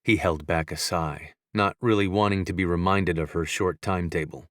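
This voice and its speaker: An audiobook narrator with a fairly low male voice reads a romance novel calmly and at a measured pace. The recording is close and dry, without room sound or echo.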